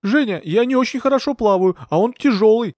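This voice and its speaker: A man voicing an anxious middle-aged man who shouts in high, fretful bursts in an audiobook. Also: fast, no echo, studio quality. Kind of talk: audiobook character voice.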